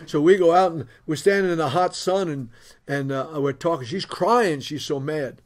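A middle-aged man, a bishop, telling his testimony in an animated, boisterous storytelling manner. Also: on the high side, moderate pace.

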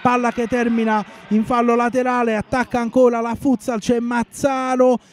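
A man's voice: extremely high pitch, level tone, normal speed. A male sports commentator giving urgent live play-by-play of a futsal match, repeating phrases for emphasis. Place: indoor sports hall during a match. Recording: noisy sports hall ambience. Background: clear match noise.

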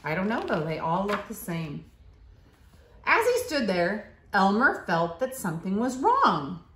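Reading a picture book to a child and asking questions along the way, she sounds expressive, with lively pitch and simple, clear teacherly phrasing. She's a school staff member seated on a leather couch in a living room. A camera a short distance away catches a roomy, echoey home sound.

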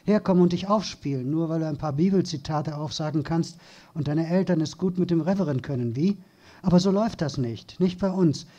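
A man's voice: fairly high pitch, brisk, dark tone, dull audio, lightly acted. A man reading aloud as a sneering teenage boy bully, snarling and contemptuous.

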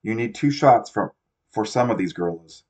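A man voicing a tense, steady bodyguard. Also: fairly low pitch, moderate pace, slightly rough. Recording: dull lo-fi recording.

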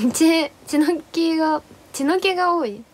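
Lively, chatty young woman streamer. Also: very high-pitched, unhurried. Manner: rambling, chatty, greets viewers, refers to herself in third person. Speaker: livestream host. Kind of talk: casual livestream chat.

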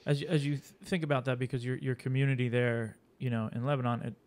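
A man's voice: mid-range voice, quick pace. Easygoing male podcast host. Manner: relaxed, conversational, prompting the guest. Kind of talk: casual interview talk. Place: studio set with dark curtains. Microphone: boom mic on stand.

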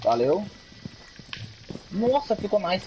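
A Brazilian man in a high register repeats urgent callouts to his team over voice chat. A faint hiss runs beneath his voice. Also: very animated, slow. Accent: Brazilian Portuguese. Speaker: teammate on voice chat.

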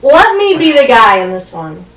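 Woman vlogging at home, high bouncy voice, lots of giggling, kinda far from the mic. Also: sing-song, normal speed, fairly bright tone. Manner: giggly, laughs often while straining. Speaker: vlog co-host. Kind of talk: casual chat. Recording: roomy, distant, noisy room sound.

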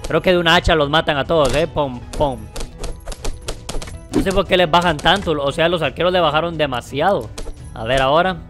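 Brief: young male gaming commentator, slightly high voice, chatty and excitable, faint music under him. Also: fast. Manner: excitable, chatty, addresses viewers as "amigo". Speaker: gaming youtuber. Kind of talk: gameplay commentary. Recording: faint game music behind.

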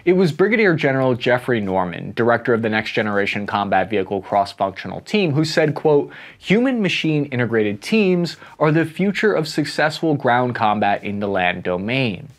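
A man's voice: medium pitch, very animated, normal speed, hardly any pauses. A young man reading a scripted video-essay narration with wry, playful asides.

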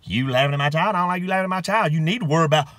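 Indignant mother who won't listen, repetitive and sharp-toned from a man putting her on. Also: on the high side, rapid-fire, no room sound, natural voice. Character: angry protective mother at a kids' game.

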